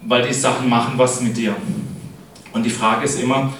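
This casual sermon comes from a middle-aged preacher who chats with the congregation, forever addressing them with "ne?". His medium-pitched voice is a bit bright, with flat delivery and moderate pace, heard off-mic and far away in an echoey hall with a little hiss or hum.

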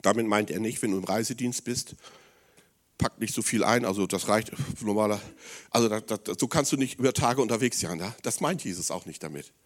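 German-speaking pastor preaching with rising emphasis. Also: male voice, lowish voice, brisk. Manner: animated preaching, voice rising sharply for quoted words; addresses listeners directly with rhetorical questions. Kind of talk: sermon.

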